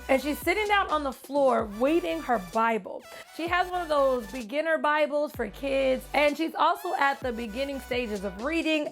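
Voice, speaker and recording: A woman in her thirties tells a personal story straight to her viewers in a high, bright voice. She talks casually and animatedly, often calling them y'all. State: close to tears. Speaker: vlogger and author.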